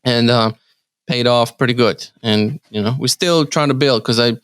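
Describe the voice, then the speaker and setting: This guest, a real estate team leader from Ukraine, speaks English as his second language with a Ukrainian accent. His interview answers come out haltingly, full of restarts and filler words. The voice sits at a medium pitch, a bit bright and clean in tone, captured at studio quality without echo.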